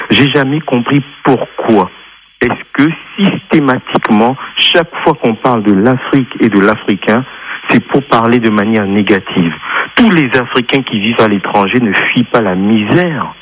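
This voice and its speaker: A man's voice: mid-range voice, moderate pace, fairly bright tone, poor audio. A man who grew up in France, calling in to a radio program. His voice sits in a middle register, and he presses his argument with insistent, repeated phrases over a faint hiss of noise on the line. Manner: impassioned, insistent, repeats himself for emphasis. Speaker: radio caller. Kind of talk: radio call-in talk.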